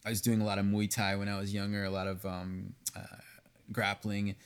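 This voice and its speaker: A man, a pastry chef, talking candidly in a casual podcast conversation, animated, cursing freely and often restarting his sentences. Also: fairly low pitch, brisk, clear, resonant tone. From United States, raised partly in Venezuela.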